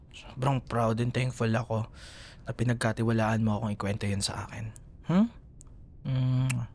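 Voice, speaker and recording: A man with a Filipino accent plays a gentle, protective young boyfriend in an intimate ASMR roleplay, murmuring softly and soothingly. His voice is natural and medium in pitch.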